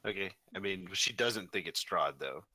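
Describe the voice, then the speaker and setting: A man's voice: deep voice, animated, moderate pace, sharp tone, dry recording. A young man running a tabletop game as game master, with wry, easygoing rulings.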